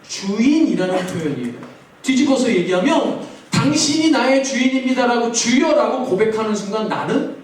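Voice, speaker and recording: A man, a youth pastor, preaching a sermon to teenagers in a playful way, asking them questions and answering them himself. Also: very high voice. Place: large church hall. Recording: very echoey hall, mic far off, faint room noise.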